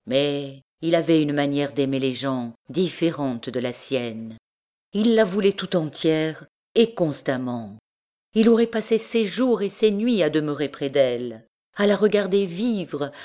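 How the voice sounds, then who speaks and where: A woman narrating a classic novel as an audiobook, reading in a slow, measured way. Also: low-pitched, darkish tone. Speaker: audiobook reader.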